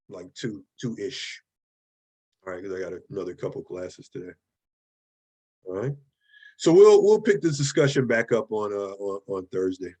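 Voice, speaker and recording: Giving a casual online lecture from his desk over video, a male college writing instructor speaks in a mid-range voice. His tone is chatty, he keeps checking in with "okay?" and "right?", and he repeats words while working out how to say things.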